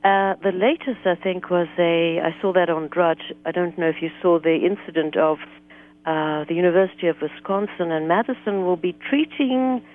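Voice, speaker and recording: A woman from South Africa, a guest author speaking in an articulate, measured way during a political talk radio interview. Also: on the low side, steady tone. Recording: tinny phone line.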